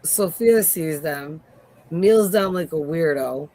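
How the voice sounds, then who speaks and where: A woman's voice: sits low, slow, dark tone, no room sound. A woman co-hosting a live TV recap, talking bluntly and swearing freely as she gets heated. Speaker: co-host. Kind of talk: casual live TV recap chat.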